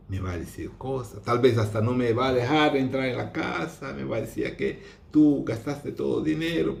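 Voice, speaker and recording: A frightened young son begs forgiveness in a low, gravelly voice, as a preacher puts him on. It is soft and pleading, and a roomy echo hangs around it. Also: male voice, a little hiss or hum.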